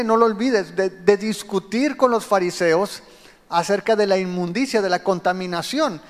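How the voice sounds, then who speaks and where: A man's voice: sits high, long reverb tail. A man preaching a sermon, explaining scripture and speaking directly to his listeners. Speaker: pastor.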